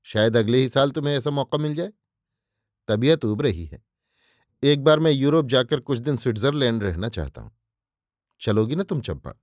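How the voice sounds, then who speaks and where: A man's voice: medium pitch, expressive, normal speed, pauses often, no room sound, clean studio sound, close to an everyday voice. A man voicing a cruel, commanding king in a narrated story, speaking in an imperious, indulgent way. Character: cruel, commanding middle-aged male king.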